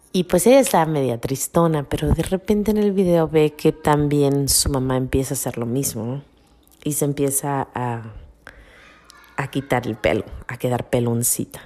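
Earnest woman, very low dark voice. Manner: earnest, emotional, restarts often. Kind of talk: casual devotional vlog talk.

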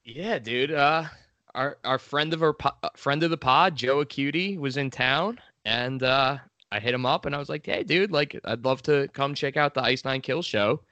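A man co-hosting a podcast in casual chat, excited and swearing a lot. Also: mid-range voice, normal speed, no echo, dull audio. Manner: enthusiastic, swears a lot, says dude. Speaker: podcast co-host.

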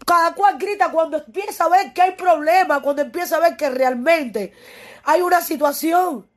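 A woman's voice: very high voice, normal speed. A young woman with a Cuban accent speaking tearfully and wearily, repeating herself with passion and cursing as she pleads with a critic. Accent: Cuban Spanish. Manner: impassioned, repetitive, profane, pleading. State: tearful and weary. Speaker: musician addressing a critic. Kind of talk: emotional direct-to-camera monologue.

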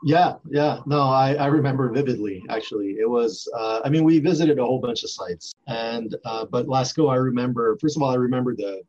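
Speaking briskly and with few pauses, this medium-pitched, slightly mellow man is an archaeology professor in his forties from Montreal, Canada. French is his first language, and as a casual interview guest he uses lots of fillers and restarts. The audio is dull and lo-fi.

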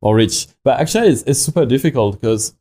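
This young adult from France speaks with a French accent in a mellow, medium-pitched voice that is expressive and slightly fast. As the founder of a watch company appearing on a podcast, he shares casual, informal stories and frequently acts out what he used to think.

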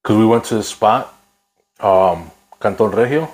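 Low-voiced man, slangy bro talk. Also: unhurried. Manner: bro-heavy, slangy, swearing street talk. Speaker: podcast host. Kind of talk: casual podcast chat.

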